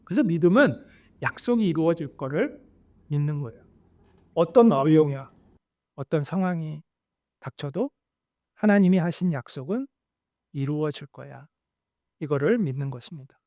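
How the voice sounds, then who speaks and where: Male pastor, high voice, dry close sound, lively sermon storyteller. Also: moderate pace, pauses often, no room sound. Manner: animated storytelling, acting out quoted lines.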